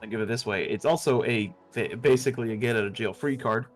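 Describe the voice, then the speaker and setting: Male game master, mid-pitched voice, tabletop narration, faint background music, online call. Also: quick pace.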